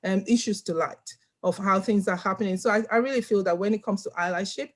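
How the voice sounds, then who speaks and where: A woman's voice: medium pitch, fast. Earnest Nigerian-born woman on a video call. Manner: earnest, emphatic, repeats words. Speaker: panelist. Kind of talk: video panel discussion. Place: home room.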